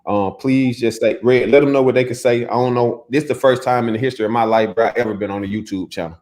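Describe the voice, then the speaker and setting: A man's voice: mid-range voice, steady tone, fast, a little mellow. A man talking casually on a livestream in slangy, direct speech, with half his mouth numb from the dentist. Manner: slangy, addresses listeners as man and bruh. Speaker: guest business coach. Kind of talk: casual impassioned livestream talk.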